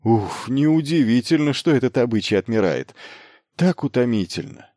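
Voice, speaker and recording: A man reading an audiobook voices a young male mercenary lord who talks briskly, commanding and ironic. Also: mid-range voice, expressive, dark tone, dry recording, studio quality, close to an everyday voice. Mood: wry. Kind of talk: audiobook character voice.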